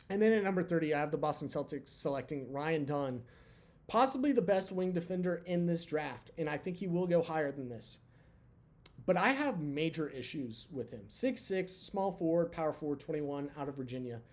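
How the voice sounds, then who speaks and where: A man hosting his own video channel, chatting candidly with lots of fillers, his voice a bit hoarse from talking long. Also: a little high, a little mellow. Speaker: basketball channel host. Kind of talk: casual talk to camera.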